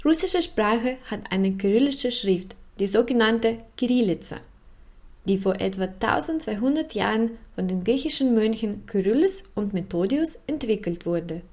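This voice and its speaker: A woman giving scripted educational narration, explaining things in a clear, measured way with carefully spoken example words. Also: medium pitch, expressive, a little mellow. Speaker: narrator of a language feature.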